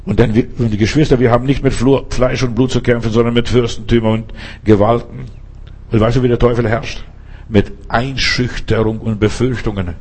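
A man's voice: medium pitch, darkish tone, husky. A male preacher giving an emphatic sermon, speaking straight to the listener with pointed rhetorical questions.

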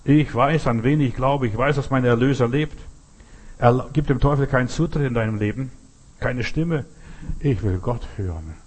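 A man's voice: mid-range voice, moderate pace, a little mellow, breathy edge. A man preaching a sermon in an earnest, repetitive way, speaking straight to his listeners.

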